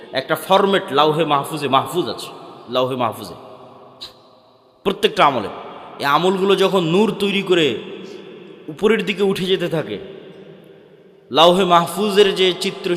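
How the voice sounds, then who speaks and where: A man's voice: a little high, fairly bright tone. A man with a Bangladeshi Bengali accent preaching a sermon, asking questions and answering them himself. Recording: echoey hall.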